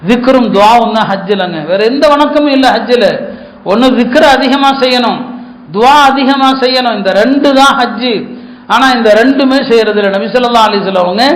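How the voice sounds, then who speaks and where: A man's voice: extremely high pitch, a bit bright, roomy sound, poor audio. A man preaching a sermon in an earnest manner, repeating words for emphasis. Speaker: Islamic preacher.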